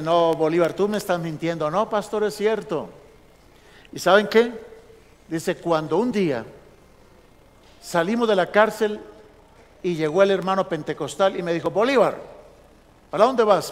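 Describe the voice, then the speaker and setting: A male pastor telling a lively story in a sermon, acting out the dialogue of the people in it. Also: a little high. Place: large church sanctuary. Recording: long church hall reverb.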